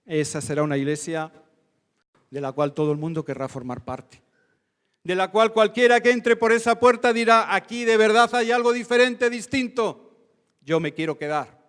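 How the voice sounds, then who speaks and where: Spanish pastor guy preaching, fairly high voice, lots of reverb in the church hall. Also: normal speed, fairly bright tone, clean tone. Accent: Spain Spanish. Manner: fervent preaching with rising emphatic lists. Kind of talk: sermon.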